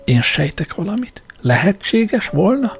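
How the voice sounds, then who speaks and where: A man voicing an excitable elderly bearded gentleman, a fussy local historian, who speaks slowly and asks rising, wondering questions. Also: high-pitched, vocal fry, pitched above the performer's own voice, exaggerated voice.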